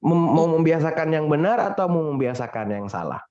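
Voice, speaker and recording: A man's voice: on the high side, animated, a little fast, mellow, lo-fi sound. Playful Indonesian man teaching English. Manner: playful, teasing, jokey mock-English examples. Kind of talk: classroom teaching.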